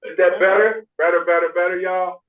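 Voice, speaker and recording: A man on a crackly phone line that keeps fading in and out rambles through a community update, full of fillers and restarts. His voice sits a touch high for a man and sounds tinny and far from the mic. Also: flat delivery, a little fast, a crowd in the background. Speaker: community member reporting to a meeting. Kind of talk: casual call-in chat.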